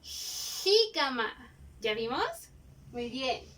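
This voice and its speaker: A woman teaches letter sounds to young children. She speaks slowly and draws out each sound with care, in a high voice. Her voice comes from a little way off the microphone. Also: a bit bright, far from the mic. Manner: slow, clearly drawn-out letter sounds. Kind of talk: phonics lesson for young children.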